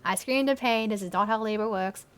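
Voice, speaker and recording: A woman's voice: medium pitch, a little fast, fairly bright tone. A woman reading her old fan story aloud, stopping often to mock it with sarcastic, sweary asides. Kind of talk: reading aloud with mocking commentary.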